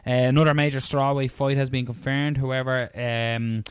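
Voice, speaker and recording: A man's voice: mid-range voice, flat delivery, moderate pace, clean tone, dry recording, clean studio sound. An Irish man hosting a casual podcast chat, slangy and swearing freely. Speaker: podcast host.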